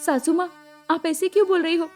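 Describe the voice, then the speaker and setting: Young bride, played by a woman, timid and pleading, high voice. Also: steady tone, fairly quick, a little mellow, faint music behind. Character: meek young daughter-in-law, pleading.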